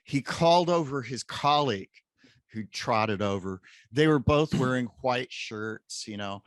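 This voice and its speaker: A man in his late fifties, a professor guest in a casual interview, telling an animated story. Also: mid-range voice, unhurried, dry recording.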